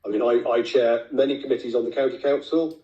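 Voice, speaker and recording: A man with a hoarse, raspy, failing voice, speaking bluntly as a councillor at a formal meeting. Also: mid-range voice, fairly even intonation, quick pace, mellow. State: losing his voice. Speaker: county councillor. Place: indoor council meeting room. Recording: echoey meeting room, muffled lo-fi sound.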